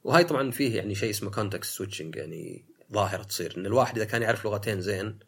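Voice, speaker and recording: A man hosts a solo talk podcast in a gravelly, husky voice. He argues in a casual way and mimics other people's lines to make his case. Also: lowish voice, very fast. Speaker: podcast host.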